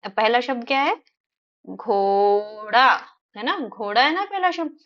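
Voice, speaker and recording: A woman teacher explaining word sounds to young children, repeating each word slowly and checking in with them often. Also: high voice, big pitch swings, muffled recording. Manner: slow, stretched-out repetition of words; frequent tag questions to children. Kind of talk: children's phonics lesson.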